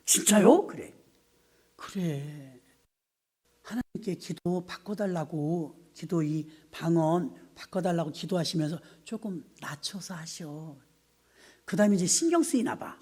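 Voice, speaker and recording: A woman's voice: fairly low pitch, a little slow, slightly rough. A middle-aged woman pastor preaching a sermon, telling stories with laughter and acting out voices and sounds. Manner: animated, mimics voices and sounds with bursts of laughter. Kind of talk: sermon with storytelling.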